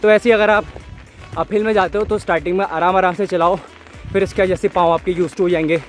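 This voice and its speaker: Riding outdoors on mountain roads, a young cycling vlogger narrates casually, offering tips to viewers and dropping in English words. He speaks fast in a high voice with fairly even intonation, faint music behind him, recorded on a phone or action camera at arm's length.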